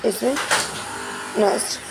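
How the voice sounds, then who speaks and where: A woman teacher explaining English grammar questions in Hindi, stepping through each answer and often checking with "ठीक है". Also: very noisy. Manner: reads English questions slowly and carefully.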